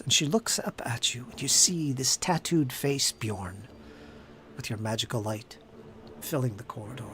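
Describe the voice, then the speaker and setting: Guy game-mastering a tabletop game, slow descriptive narration, mid pitch, faint hiss in the background. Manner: deliberate, descriptive, shifting pace.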